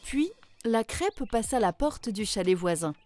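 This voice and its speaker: A woman narrating a children's fairy tale in a clear, measured way. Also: mid-range voice, lively intonation, darkish tone, faint music behind.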